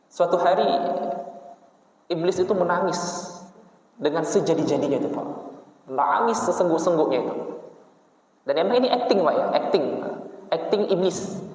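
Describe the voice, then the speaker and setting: A man's voice: on the high side, a little mellow. Preacher man in an echoey mosque. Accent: Indonesian. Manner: storytelling, addresses listeners as "Pak". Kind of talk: mosque sermon. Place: mosque hall. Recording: echoey hall from far off, muffled.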